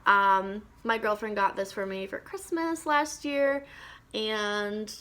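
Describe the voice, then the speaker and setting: A woman's voice: medium pitch, takes it slowly, fairly bright tone. A young woman talking to the camera about her favorite books, chatty and enthusiastic with lots of ums and little laughs. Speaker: book vlogger. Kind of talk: casual book recommendation vlog.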